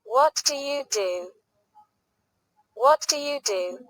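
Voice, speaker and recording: A woman speaks very slowly in a bright, pointed voice, a little higher than most. She reads short phrases for learners and repeats each one with careful clarity. The sound is dry and close, with no room around it. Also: lively intonation, dry recording. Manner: reads each sentence twice, clearly and deliberately. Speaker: English teacher.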